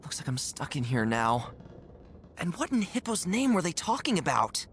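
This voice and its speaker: A woman's voice: deep voice, big pitch swings, moderate pace, slight background noise. A woman voicing a young adventurer heroine in a game, talking to herself with wry asides. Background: game music.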